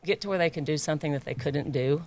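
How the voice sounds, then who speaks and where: A woman's voice: sits low, fast, a little mellow. A woman who owns a gym, chatting in a podcast interview, laughing often and getting emotional about her members. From United States. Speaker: gym owner and trainer.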